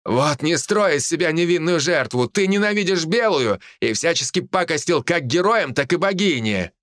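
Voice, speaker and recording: Brief: cocky archer leader, defiant and shouty, voiced by a male narrator, animated delivery. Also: fairly high pitch, normal speed, dry recording, studio quality.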